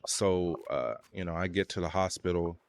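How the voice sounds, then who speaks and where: Deep-voiced man telling a rambling story. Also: normal speed, noisy background. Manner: loose, rambling, many fillers. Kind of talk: casual story time.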